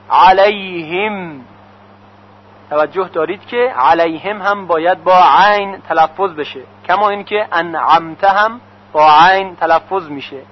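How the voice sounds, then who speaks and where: A man teaching Quran pronunciation, chanting verses slowly and drawn out, then explaining each sound at a brisk pace. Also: high voice. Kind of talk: tajweed pronunciation lesson. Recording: dull lo-fi recording.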